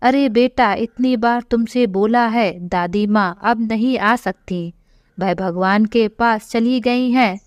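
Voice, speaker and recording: A woman voicing a gentle young father in a storybook tale, coaxing and sometimes stern with his daughter. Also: on the high side, slow, no room sound, studio quality. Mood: firm.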